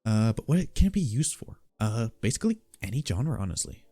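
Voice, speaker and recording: A man giving a casual spoken beatbox tutorial, explaining in a relaxed, matter-of-fact way. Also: mid-range voice, brisk, slightly rough, dry recording.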